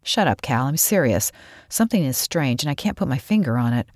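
A woman's voice: rumbling low, big pitch swings, a little fast, darkish tone, no room sound, studio quality, full character voice. A woman reading aloud, voicing a nervous, easily frightened boy who wants to leave. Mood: anxious. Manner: anxious, pleading.

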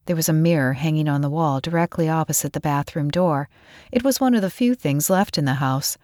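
Brief: woman storybook narrator, low and expressive, dry mic. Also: no room sound. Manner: expressive, measured.

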